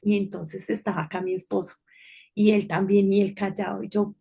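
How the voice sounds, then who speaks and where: A woman's voice: mid-range voice, little pitch movement, normal speed, gravelly, warm tone, slightly rough. Middle-aged woman, children's devotional, chatty storytelling, frequent tag questions. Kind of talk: informal devotional talk to children.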